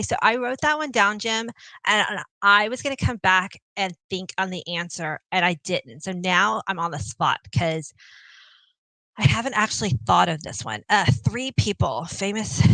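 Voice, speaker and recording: A Texan woman with a matching accent hosts a live Q&A chat with viewers of her cooking channel, bubbly, chatty and often laughing. Her medium-pitched voice is pushed and bright, picked up by a small clip-on mic with no echo but poor audio.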